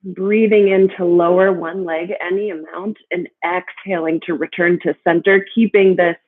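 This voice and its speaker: A woman's voice: lowish voice, steady tone, moderate pace. Soothing woman yoga teacher, slightly muffled sound. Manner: soothing, encouraging instruction. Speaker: yoga instructor. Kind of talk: guided gentle yoga class.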